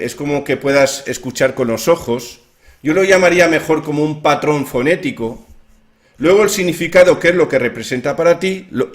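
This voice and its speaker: Hesitant man lecturing on language. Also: fairly high pitch. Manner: hesitant, many fillers and restarts. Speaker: author explaining his theory of language. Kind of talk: informal lecture to camera.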